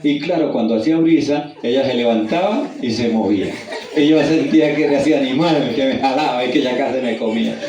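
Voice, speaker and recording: A man preaching an evangelistic sermon. He tells a personal story, calls his listeners brother and asks them questions, and he goes from hushed and low to loud and high when he reads the scripture. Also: brisk, lo-fi sound. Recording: roomy, distant mic.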